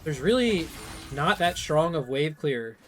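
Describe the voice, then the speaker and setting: A hoarse man calling live esports play-by-play, excitable and quick in his calls. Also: a little high, faint music behind. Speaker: esports caster.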